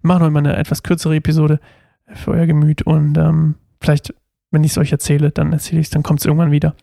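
A man's voice: fairly high pitch, completely flat delivery, fast, gravelly, warm tone, no room sound, studio quality. A young man hosting a casual Bible study podcast, chatty and self-mocking, rambling with fillers as he reads and explains.

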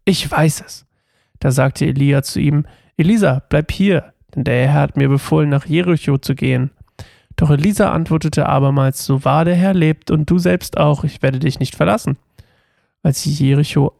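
A man reads a Bible passage aloud and then talks it over casually, stumbling and restarting here and there. His voice is warm and soft-toned with a gravelly fry. The recording is close and dry, with no room sound. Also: fairly high pitch, moderate pace, dry recording. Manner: reads steadily with small slips and restarts, then talks loosely with fillers. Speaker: Bible reading podcast host.

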